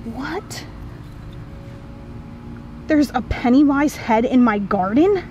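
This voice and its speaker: A middle-aged woman talks into a handheld camera held close, her voice bright and high, forever exclaiming in puzzled disbelief. Noticeable background noise runs under her voice. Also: lively intonation, slow, highs cut off. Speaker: family vlogger. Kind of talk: scripted spooky family vlog. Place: backyard garden, then a dim basement.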